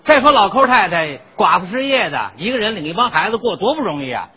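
A man leads a crosstalk routine in a husky, rough voice, racing through the story at high speed. His pitch sits high and swings widely as he mimics other people's voices. The recording sounds dull and lo-fi. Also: sing-song, fast talker. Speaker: lead comedian. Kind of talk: crosstalk comedy performance.

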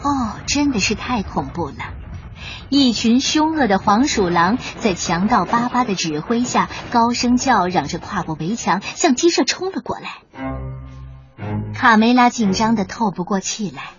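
A woman storyteller reading a children's story aloud in an expressive, animated way. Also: fairly high pitch, moderate pace. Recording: dull lo-fi with faint music.

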